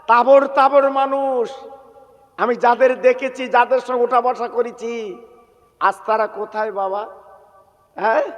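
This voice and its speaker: A man preaching a sermon in a chanting, drawn-out, melodic way, calling out to the gathered listeners. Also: very high-pitched, a bit bright, long reverb tail. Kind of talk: sung Bengali sermon.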